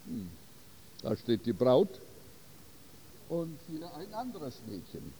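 Very slow, lively-pitched preacher man. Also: in a large hall, a little hiss or hum. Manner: halting, searching for German words. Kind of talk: sermon story.

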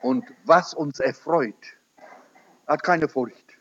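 A man's voice: slow pace, breathy edge. A man preaching a sermon, telling a testimony as a story and quoting the people in it. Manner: storytelling, quoting in lowered voice, rising emphatic peaks. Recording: dull lo-fi recording.

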